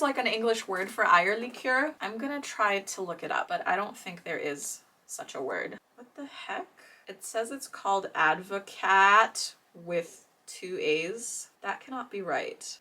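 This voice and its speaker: A woman's voice: mid-range voice, pushed and bright, far from the mic. A woman in her twenties, from Romania, chatting casually in a vlog, rambling with lots of fillers and giggles. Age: 20s. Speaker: vlogger. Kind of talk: casual vlog unboxing chat.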